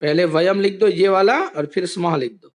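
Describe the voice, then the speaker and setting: A man's voice: sits high, moderate pace. A man teaching an online class, patiently explaining step by step over a video call.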